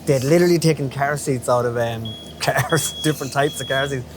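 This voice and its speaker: A man's voice: medium pitch, fairly quick. A man in his fifties with a Galway, west of Ireland accent, reminiscing casually and chattily in a colloquial way as an interviewee. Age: 50s. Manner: chatty, colloquial, often checking in with "you know". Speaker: interviewee, local window cleaner. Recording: noisy street ambience with traffic.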